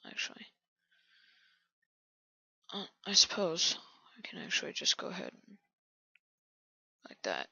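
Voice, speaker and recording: A man quietly commenting on his own game build, often half-whispering to himself. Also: high voice, wildly swooping pitch, measured pace, vocal fry, pauses often, slightly rough, no echo, muffled recording. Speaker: channel host building in a video game.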